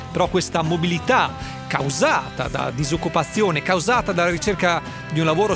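Lively Italian radio host, music underneath. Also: male voice, fairly high pitch, gravelly. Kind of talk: radio interview and presenting.

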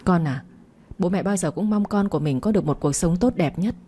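A woman reading the part of a gentle, persuasive middle-aged mother in a storybook reading. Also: on the low side, fairly quick, husky. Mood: coaxing. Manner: gentle, coaxing.

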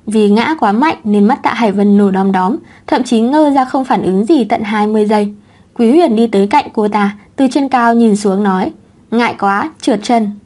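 Audiobook narrator, woman, fairly high voice, steady reading. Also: normal speed. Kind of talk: scripted story narration.

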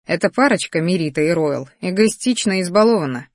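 A woman's voice: on the low side, lively intonation, fairly quick, no room sound. A friendly young battle mage, earnest and a touch gossipy, read by a woman narrator. Her delivery is close and dry, with no room sound.

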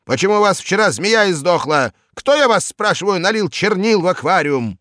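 A tyrant headmaster, shrill roaring fury, dry booth sound. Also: male voice, big pitch swings, moderate pace, a bit bright, no echo. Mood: raging. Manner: roaring, stamping, screaming threats. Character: raging bellowing male school headmaster.

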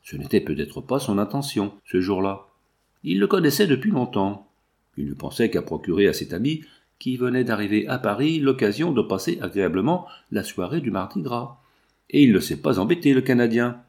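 A man's voice: mid-range voice, darkish tone. A man reading aloud, putting on the voice of a bold, cheeky red-haired young showgirl who scolds and teases. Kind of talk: audiobook reading.

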